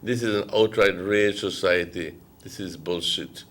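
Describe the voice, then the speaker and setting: A man with a low-sitting, somewhat bright voice keeps a measured pace as he hosts a heated political talk show in the morning. His Belizean Creole accent carries an indignant, emphatic tone, and he repeats phrases to stress them.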